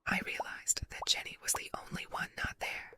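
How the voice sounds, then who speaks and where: Woman in a doubled, layered whisper. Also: moderate pace. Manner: soft unvoiced whisper throughout. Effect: layered, doubled whisper track. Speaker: story narrator. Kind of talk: whispered ASMR story reading.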